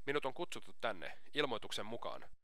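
A man's voice: mid-range voice, sing-song, sharp tone, dry recording, clean studio sound. A man reading an audiobook aloud, voicing a feverish, proud young student who answers curtly and defiantly. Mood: tense. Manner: defiant, curt.

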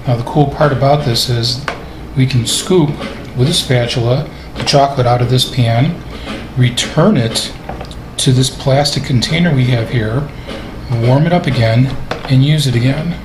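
A man giving a relaxed, step-by-step cooking lesson over his video, explaining each move in a home kitchen. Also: mid-range voice, normal speed, echoey room, background noise. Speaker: cooking instructor.

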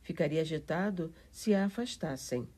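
A woman's voice: low voice, lively intonation, normal speed, mellow. A woman voicing a sickly, imperious young boy who gives orders in a storybook reading. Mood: commanding. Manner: bossy, insistent.

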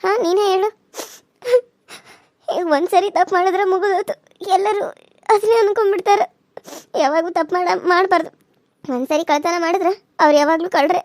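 A woman's voice: very high-pitched, fairly even intonation, brisk, pauses often, a little mellow, dry recording, studio quality. Woman voicing tearful young village wife. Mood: hurt. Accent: North Karnataka. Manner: pleading, tearful. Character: young village wife Raji, wronged and remorseful. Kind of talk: cartoon serial voice acting.

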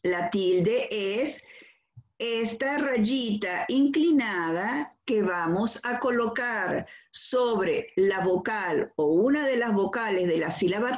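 A Venezuelan woman teaching a school lesson, talking slowly and deliberately. Her voice sits at a middle pitch, and she asks herself questions before answering them. The room adds a noticeable echo. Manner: slow, careful explanation with examples and rhetorical questions. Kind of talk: recorded school lesson on accentuation. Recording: echoey room.

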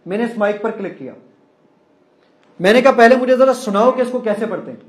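A high-voiced man walks an audience through an app demonstration, explaining each step and turning to the room as he goes. His voice rings around an echoey hall. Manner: explanatory, addresses audience directly. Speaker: app founder giving a demonstration. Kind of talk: live presentation to an audience.

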